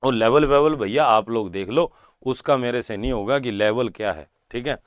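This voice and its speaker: A male exam-prep computer teacher runs a live online class, repeating key terms, checking in with students, and calling them "beta". His voice is medium-pitched, clear, and resonant, at a moderate pace, recorded dry.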